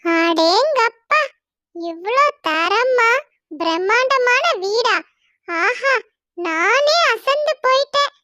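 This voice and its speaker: A woman's voice: very high voice, bright, forceful tone, dry recording, studio quality, exaggerated voice. A woman voicing a jealous, scheming female bird in a cartoon story. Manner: sly, muttering to herself.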